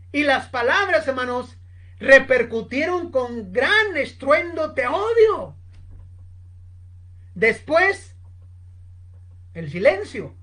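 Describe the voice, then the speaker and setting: A woman preaching a sermon, telling a story slowly and with emphasis, constantly addressing her listeners as brothers. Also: sits high, a bit bright. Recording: online seminar recording.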